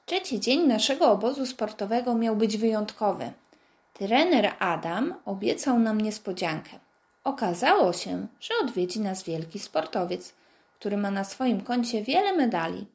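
A woman narrating a children's story aloud in a clear, measured reading voice. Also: medium pitch, lively intonation, darkish tone.

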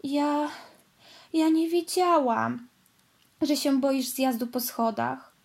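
A woman's voice: slow pace, gravelly, heavily acted. Woman doing a sobbing little girl race car. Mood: hesitant. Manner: high, sobbing, breaking voice. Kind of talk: storybook read-aloud.

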